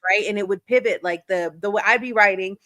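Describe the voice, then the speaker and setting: Young female guest, bright and crisp-edged tone, dry recording, informal conversational delivery that wanders. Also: mid-range voice, fast talker, no echo. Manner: rambling, informal, thinking aloud. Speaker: talk show guest, business coach. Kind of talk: casual chat.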